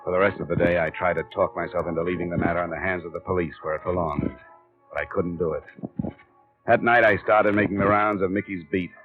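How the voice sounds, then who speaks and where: A hard-boiled private eye speaks in a low, clipped and matter-of-fact voice. His voice comes through the tinny, narrow-band sound of an old AM radio broadcast. Music plays clearly behind him. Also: fairly even intonation, fast talker. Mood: narrating. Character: tough, level-headed male private investigator. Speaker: narrator and lead investigator. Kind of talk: 1950s radio drama acting and narration. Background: music bed.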